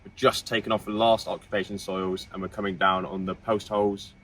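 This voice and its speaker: A man's voice: deep voice, little pitch movement, a little fast, a bit bright. A man, an assistant trench supervisor, walking through the dig in an informed, methodical way. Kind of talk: explaining the dig to camera. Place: outdoor excavation trench. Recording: distant mic outdoors with background noise.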